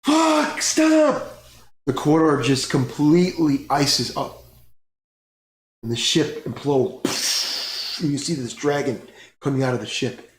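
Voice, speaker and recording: Game master, male, slow measured narration in a roomy space with faint hiss. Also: medium pitch. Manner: slow, unhurried storytelling with fillers.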